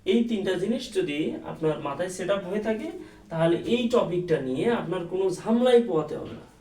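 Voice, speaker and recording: A man's voice: high-pitched, expressive, moderate pace, dark tone. Guy teaching english, lots of "ah" fillers, echoey room, kinda distant mic. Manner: patient, repeats key points, many hesitant "ah" fillers. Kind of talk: video lesson explaining at a board.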